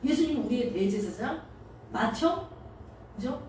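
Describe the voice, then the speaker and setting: A woman delivers a sermon in a chatty, storytelling way, her pitch high and swinging widely. Her tone is soft and mellow. The sound comes from a distance in a very reverberant space with a faint hiss underneath. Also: expressive, moderate pace. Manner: conversational, storytelling with acted quotes. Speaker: preacher. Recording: echoey hall, distant mic, faint noise.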